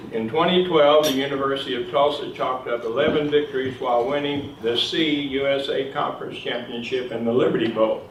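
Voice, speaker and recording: Man reading an introduction, echoey and noisy. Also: mid-range voice. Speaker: introducer at a luncheon. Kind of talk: read-out speaker introduction. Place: luncheon hall. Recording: echoey room, distant mic, noisy with clicks.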